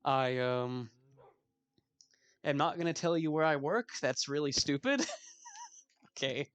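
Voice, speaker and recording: A man's voice: fairly high pitch, expressive, unhurried, fairly bright tone, smooth. A 21-year-old man giving casual gameplay commentary as a let's play host, rambling with self-mocking asides.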